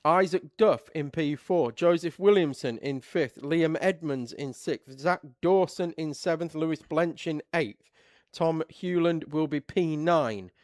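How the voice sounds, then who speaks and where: A man commentating live on a kart race, reading out the starting grid in a relaxed, steady list. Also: on the high side, unhurried, dry recording, clean studio sound.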